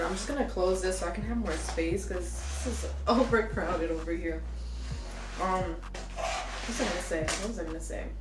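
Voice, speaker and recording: A woman's voice: on the low side, roomy sound, distant mic. A young woman talking casually to her viewers as she eats through a meal, chatting between bites. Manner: chatty, eating while talking, addresses viewers as y'all. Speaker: food vlogger. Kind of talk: casual mukbang chat to camera.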